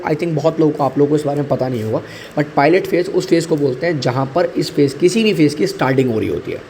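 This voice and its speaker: A man's voice: a little high, a little mellow, slight background noise. A man teaching exam current affairs in a chatty way, mixing in English and repeating key points for his students.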